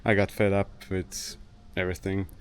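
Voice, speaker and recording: Recorded on an action camera, a man whose first language is Croatian narrates his chores around a rural summer house in casual English. He speaks at normal speed in a low-pitched, level voice that is clear and resonant.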